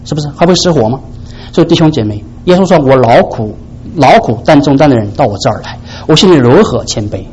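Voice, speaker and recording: A man preaching a sermon to his congregation, asking rhetorical questions and swinging from soft low asides up to high, emphatic peaks. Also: expressive, fast, slightly rough, lo-fi sound. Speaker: pastor.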